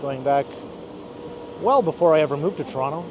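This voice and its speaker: A man's voice: a little high, brisk. A man giving casual walking tour commentary outdoors on a busy city street. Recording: clear outdoor street noise. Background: city traffic and street noise.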